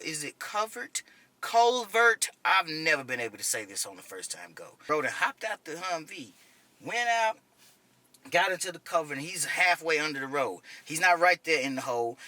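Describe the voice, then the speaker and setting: A man in his thirties with a sharp, very bright voice, pitched a little high, recounting his days as a medic. He talks loosely and profanely, checking in with the listener again and again. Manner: profane, conversational, keeps asking "you know what I'm saying". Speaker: army medic veteran telling war stories. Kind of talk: casual first-person storytelling.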